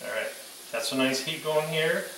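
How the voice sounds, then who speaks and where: A man's voice: a little high, normal speed, sharp tone. A man in his sixties casually hosting a home cooking demonstration, talking informally as he works in his kitchen. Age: 60s. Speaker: home cooking channel host. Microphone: camera a few meters away. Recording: roomy echo, distant mic, faint kitchen noise.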